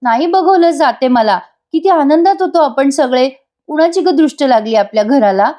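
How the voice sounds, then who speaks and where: A woman's voice: high voice, animated, normal speed, mellow, voice pushed up. A woman reading the part of an upset, hurt young wife pouring out her grievances. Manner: upset, complaining.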